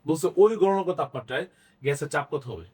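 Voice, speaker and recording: A man's voice: a little high, expressive, fast, a little mellow, slightly rough. A man teaching chemistry in a Bangladeshi Bengali accent, asking the class questions and answering them himself. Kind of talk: classroom lecture.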